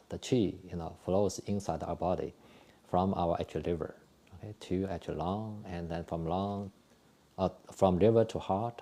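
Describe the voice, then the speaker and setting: A man instructing a live tai chi and qigong class in a conversational, step-by-step way. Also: deep voice. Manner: hesitant, repetitive, conversational when explaining; gentle, unhurried step-by-step cueing during exercises.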